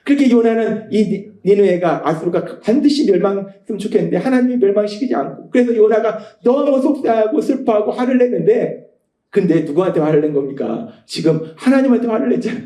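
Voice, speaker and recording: A man's voice: high-pitched, lively intonation, fairly quick, dark tone, reverberant. A man preaching a Sunday sermon as pastor, talking in a conversational way and asking his listeners rhetorical questions. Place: church sanctuary.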